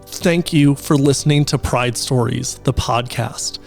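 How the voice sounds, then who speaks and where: A man's voice: mid-range voice, measured pace, creaky, soft background music. A middle-aged man hosting a podcast, speaking in an encouraging, easygoing way and laughing easily with his guest. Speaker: podcast host. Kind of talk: casual podcast interview.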